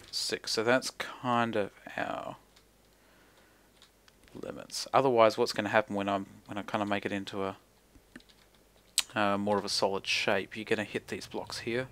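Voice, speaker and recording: This gaming video creator is a young man with a broad New Zealand accent, talking through his gameplay indoors at home. He sounds casual and slangy, muttering asides as he thinks aloud. His lowish voice is clear and resonant, a bit bright.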